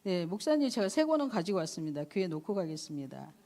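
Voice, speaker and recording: A middle-aged woman missionary giving a conversational church sermon and testimony, animated and chatty, often affirming with a quick "yes". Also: lowish voice. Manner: animated, conversational preaching with frequent "네" and laughs.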